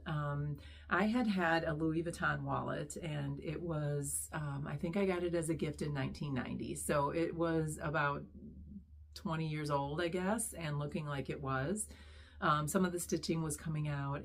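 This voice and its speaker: A middle-aged woman, hoarse after losing her voice, chatting casually as she introduces her reselling channel with many pauses and ums. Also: sits low. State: hoarse, recovering lost voice. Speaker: online reseller, channel host.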